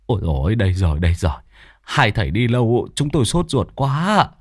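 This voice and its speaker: A man's voice: fairly low pitch, very animated, fairly quick, no echo, clean studio sound. A man voicing an anxious, fussing older village host who frets and hurries his words. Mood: fretful. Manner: flustered, fretting.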